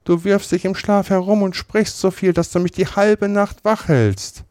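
A man squeaking as a shrill tattling boy. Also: steady tone, moderate pace, darkish tone, no room sound, studio quality, lightly acted. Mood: whiny prying. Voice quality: shrill, whiny. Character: whiny tattling young boy.

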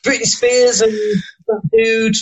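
A man's voice: very high-pitched, flat delivery, lo-fi sound. Northern English man with a slight lisp. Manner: emphatic, motivational, rapid asides. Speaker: podcast guest. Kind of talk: casual podcast chat.

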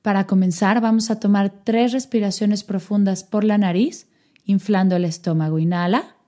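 A woman guiding a meditation, giving soft-spoken instructions with long pauses. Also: medium pitch, fairly even intonation. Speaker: meditation guide. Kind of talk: guided meditation.

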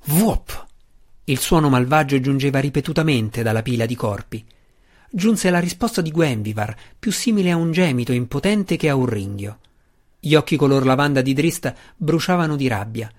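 A man reading a fantasy novel aloud as an audiobook narrator, in a steady, measured way. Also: medium pitch.

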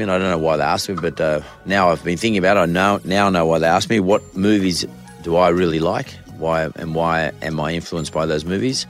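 An Australian man hosting a podcast in conversational, off-the-cuff talk, his voice croaky from a cold. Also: a bass voice. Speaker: podcast host. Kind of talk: unscripted solo podcast talk on news and economics.

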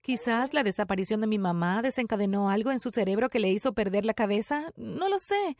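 A woman narrating a first-person story with a breathless, excitable delivery. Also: mid-range voice, fairly quick, no room sound, clean studio sound.

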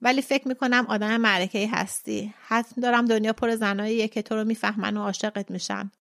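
A woman voicing a playful young woman in a storybook reading, speaking softly and probing gently. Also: on the high side, fairly even intonation, no echo, studio quality.

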